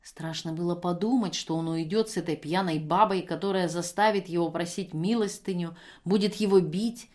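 A woman reading a novel aloud as narrator, in measured, steady storytelling. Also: lowish voice.

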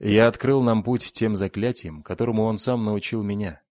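Grim old war god, read by a man; commanding, low-set, dry studio audiobook voice. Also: steady tone, moderate pace, a little mellow, no room sound, lightly acted. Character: ancient gruff old male war god. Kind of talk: audiobook character voice.

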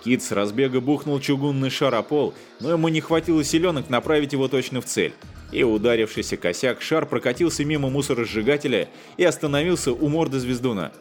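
A man's voice: mid-range voice, fast, soft background music. A man narrating an audiobook with wry, scripted storytelling.

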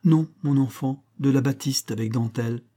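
A man's voice: mid-range voice, normal speed, dark tone, lightly acted. A man voicing a gleeful young society wife, gossipy and full of amusement. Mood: instructing. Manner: gossipy, breathless with amusement when retelling.

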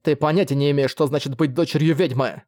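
A man's voice: on the high side, steady tone, fast, no room sound, studio quality, lightly acted. A man voicing a stern, overbearing middle-aged mother who scolds her son, in an audiobook. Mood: bitter. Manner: sharp and scolding, shouting at times.

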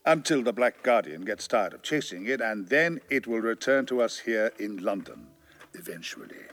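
An actor playing an eccentric, blithely unconcerned middle-aged alien time-traveller in an audio drama, breezy and theatrical. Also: male voice, lowish voice, sing-song, normal speed, fairly bright tone, exaggerated voice.

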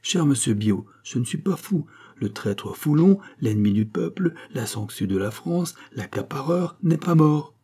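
A man's voice: mid-range voice, sing-song, unhurried, mellow, slightly rough, exaggerated voice. A man reading an audiobook, voicing an eager young peasant patriot who talks with breathless insistence. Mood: insistent.

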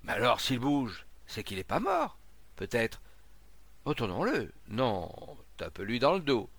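A man's voice: medium pitch, huge pitch swings, measured pace, gravelly, fairly bright tone, dry recording, full character voice. A man voicing a burly, hairy-armed cartwright who urgently directs the crowd.

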